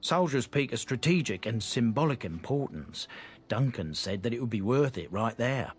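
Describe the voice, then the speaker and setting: Soft music plays behind a man with a mid-range, slightly breathy voice and lively intonation at normal speed. He acts as a video game's proud merchant from a shamed noble family, blunt, plain, and earnest.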